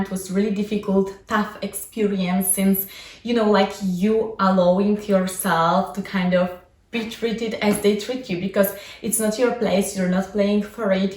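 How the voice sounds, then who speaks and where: A young Polish woman, a vlogger and coach, chats casually about her own life in a mid-range voice with a darkish tone. Her talk is packed with fillers like "like" and "you know". She's recorded in an echoey room with the mic at a distance.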